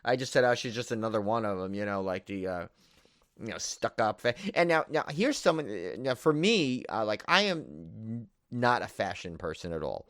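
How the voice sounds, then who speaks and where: A man's fairly low, sing-song voice with a rather bright tone comes through at normal speed in a dry, studio-quality recording. Co-hosting a podcast, he chats casually reviewing films, rambling and repeating himself with enthusiastic emphasis while piling up "like" and "you know".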